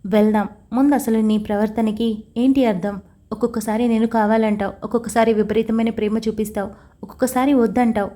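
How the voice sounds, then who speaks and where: A woman's voice: a little high, fairly even intonation, fairly quick, warm tone, natural voice. A woman reading the lines of a stern, blunt young husband in an audio story, demanding answers directly.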